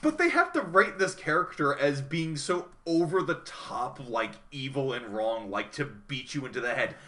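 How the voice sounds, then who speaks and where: Animated, bright-voiced male podcast co-host. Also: medium pitch, moderate pace. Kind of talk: casual anime review chat.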